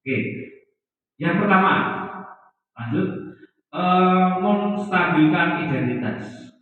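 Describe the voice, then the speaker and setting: A man's voice: sits high, animated, slow pace. Male teacher in an echoey hall. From Central Java, Indonesia. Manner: explanatory, hesitant with fillers. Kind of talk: presentation on classroom discipline. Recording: echoey hall, far from mic, dull.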